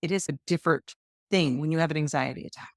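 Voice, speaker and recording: Fast-talking, a female podcast host rattles through personal stories with chatty self-deprecation and lively pitch jumps. The recording is clean studio sound, free of room sound.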